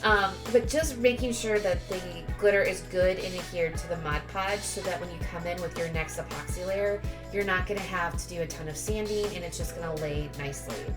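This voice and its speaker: With a lowish voice, a woman speaks a little fast and with few pauses. It's a chatty, casual craft tutorial voice-over; she's sniffly from a cold, repeatedly corrects herself, and there's music in the background.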